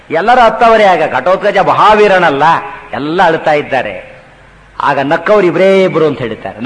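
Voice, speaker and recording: A man giving a religious discourse, telling scripture stories with humor and chanting verses slowly. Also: a little high. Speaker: religious speaker. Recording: hall with long reverb.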